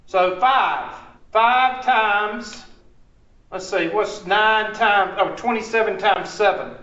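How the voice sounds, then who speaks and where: A man teaches a math lesson, working through problems aloud and questioning his students. His voice is high, slow, and sharp-toned. The classroom is echoey, and the sound comes across dull and distant.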